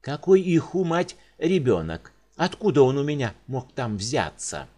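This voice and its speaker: A man voicing a frightened, grumpy middle-aged male patient, speaking low and quiet. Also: very animated, a little slow. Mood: furious.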